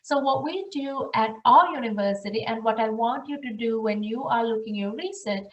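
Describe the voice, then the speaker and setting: Speaking at a moderate pace in a slightly high voice, a Sri Lankan international programs director offers earnest advice and rhetorical questions during a webinar. The room is echoey, she's far from the mic, and the audio is dull.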